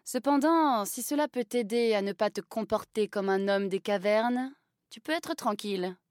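A woman reads an audiobook, voicing a cold, commanding aristocratic countess who speaks in a stern, clipped way. Her medium-pitched, slightly mellow voice is close to an everyday voice and comes at normal speed in a dry, studio-quality recording.

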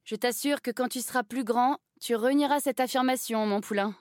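A woman's voice: fairly high pitch, normal speed, dry recording, studio quality, pitched above the performer's own voice, natural voice. A woman reading an audiobook and voicing a cold, commanding aristocratic countess who speaks in a stern, clipped way.

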